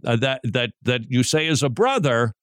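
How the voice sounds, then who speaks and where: Animated, joking male radio host. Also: medium pitch, normal speed, dry recording, clean studio sound. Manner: joking, animated, restarts often. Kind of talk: talk radio.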